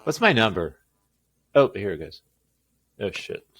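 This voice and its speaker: A tired man hosting a video rambles casually through a product demo, talking to himself as he works and making goofy, self-deprecating jokes. His voice is lowish, a bit bright and sing-song, at a measured pace.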